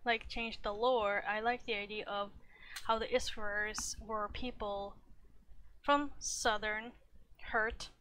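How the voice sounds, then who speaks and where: A woman's voice: medium pitch, steady tone, slow, pushed and bright, slight background noise. A woman streamer chatting casually on a livestream, rambling with lots of fillers and restarts, a little out of breath. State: slightly out of breath.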